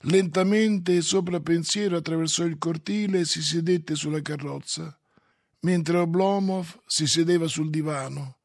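Male narrator, measured and solemn, slow delivery, slightly high voice, faint music under him. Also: steady tone, dry recording, studio quality. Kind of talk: audiobook reading of a classic novel.

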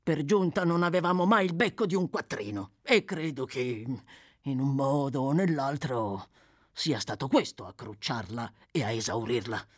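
The reader voices a rough, short-tempered male thief in an audiobook, grumbling bluntly. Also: medium pitch, expressive, normal speed, no room sound, studio quality, lightly acted. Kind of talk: audiobook character voice.

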